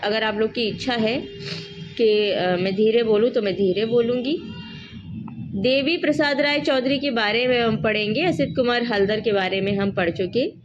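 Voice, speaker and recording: A woman with a slightly high voice, heavy from a cold, teaches an exam revision lesson. She reads each question, says it again, then gives the answer. The recording is muffled and lo-fi, with faint noise underneath. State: has a cold, voice heavier. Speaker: art exam tutor. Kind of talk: one-liner quiz revision lesson.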